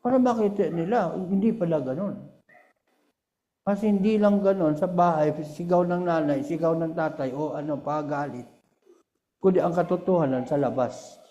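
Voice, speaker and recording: A man's voice: a little high, normal speed, warm tone, highs cut off. An older man with a Filipino accent, a missionary preacher giving a short earnest devotion, switching often between Tagalog and English.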